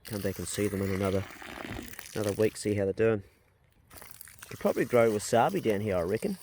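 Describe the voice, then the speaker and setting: A man's voice: on the low side, brisk, a little mellow, slight background noise. A man with a broad New Zealand accent chatting casually to his vlog, plain-spoken and rambling as he thinks aloud. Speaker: vlogger and landowner. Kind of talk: casual outdoor vlog chat.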